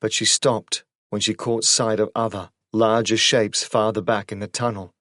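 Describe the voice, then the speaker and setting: A man narrating a horror audiobook in a measured, suspenseful storytelling manner on a close studio microphone. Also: fairly low pitch, level tone, fairly bright tone, dry recording.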